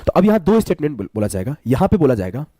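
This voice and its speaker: A man teaching a live online maths class while unwell. He talks slowly, repeating key terms and asking and answering his own questions. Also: a little high, sing-song, dark tone, no room sound.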